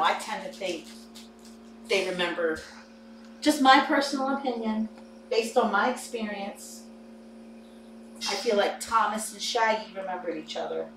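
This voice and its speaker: A woman in her forties hosting a kitten livestream, chatting casually and cooing softly to the kittens. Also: medium pitch. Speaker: host of a kitten rescue livestream. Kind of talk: casual chat and talking to kittens. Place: indoor cat playroom. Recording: roomy, distant mic, noisy background.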